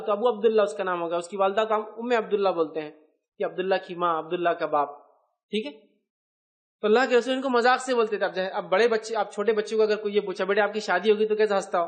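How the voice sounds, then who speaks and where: A man. He acts out quoted lines in shifting tones and keeps asking his listeners whether they follow. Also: high-pitched. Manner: asks the audience rhetorical check-ins. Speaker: preacher. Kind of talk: Islamic sermon on raising children.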